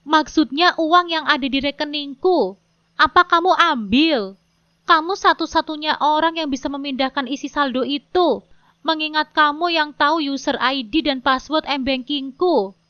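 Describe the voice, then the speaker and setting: A woman's voice: high-pitched, moderate pace, pushed and bright, no room sound, voice pushed up. A woman voicing a defensive husband in a wheelchair, questioning his wife in a storybook drama. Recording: dull lo-fi dry sound.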